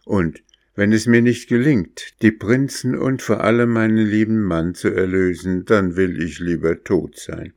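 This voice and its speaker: A man's voice: on the low side, fairly even intonation, a little slow, a little mellow, pitched above the performer's own voice. A man voicing a brave young princess disguised as a man, in a storybook reading. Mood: earnest. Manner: earnest, pleading.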